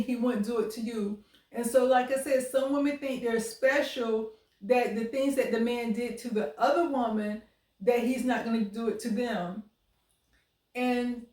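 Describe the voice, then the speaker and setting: An American woman giving candid dating advice in a monologue, speaking in a blunt, emphatic, admonishing way. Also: fairly high pitch. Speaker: relationship advice vlogger. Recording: roomy echo, distant microphone.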